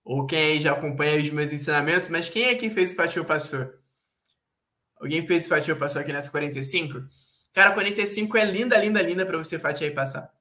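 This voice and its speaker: Bright-voiced Brazilian teacher man. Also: a little high, fast talker. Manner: casual slangy, often checks in with "tá bom?". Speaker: English teacher. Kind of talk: live online exam review class.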